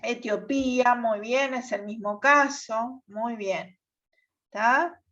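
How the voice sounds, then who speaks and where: A woman teacher explains step by step on a video call, pausing often to check that the class follows. Her voice sits high and her pace is unhurried. The audio is dull and lo-fi. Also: fairly bright tone. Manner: patient, repeats "¿tá?" checks.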